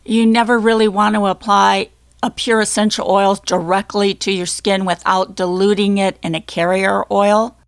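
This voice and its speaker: A middle-aged woman hosts a live-stream Q&A as a skincare professional, explaining things calmly and answering viewers' questions. Her mid-pitched voice has a gravelly edge of fry, and the sound is dry and close with no room echo. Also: moderate pace.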